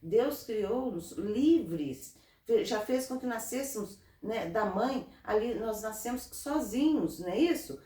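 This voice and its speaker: A woman from Brazil, a guest in an interview, giving earnest, animated advice in casual talk. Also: a little high, takes it slowly, few pauses. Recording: roomy, from a distance off mic.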